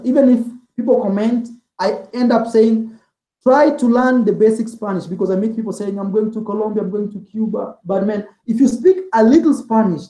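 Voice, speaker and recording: Chatting casually as an interview guest, a travel vlogger rambles loosely, peppering his talk with "like" and "man." His voice is high-pitched and warm, and the low-quality recording is reverberant.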